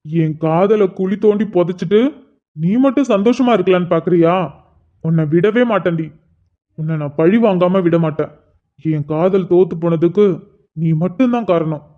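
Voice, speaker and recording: This is a man doing a young man brooding over a lost love, talking in a bitter lament and vowing payback. His voice sits high for a man. The audio is dull and muffled, like a cheap recording of a home-made cartoon. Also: lightly acted. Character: heartbroken young man swearing revenge on his cousin. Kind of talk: Tamil cartoon voice acting.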